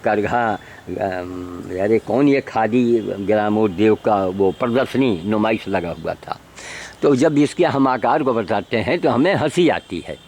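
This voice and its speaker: A man's voice: lowish voice, animated, measured pace, a little mellow, a little hiss or hum. An older man filming his own garden outdoors on a handheld camera, rambling in a blunt, emphatic way and tossing out rhetorical questions. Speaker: vlogger showing his garden. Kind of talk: rambling self-filmed commentary. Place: outdoors among trees and plants. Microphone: handheld camera mic.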